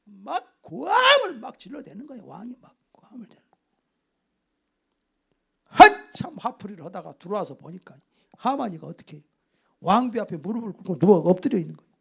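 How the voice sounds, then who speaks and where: Male pastor, high and raspy, emphatic preaching. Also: brisk, long pauses. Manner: animated storytelling with acted voices. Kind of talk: sermon.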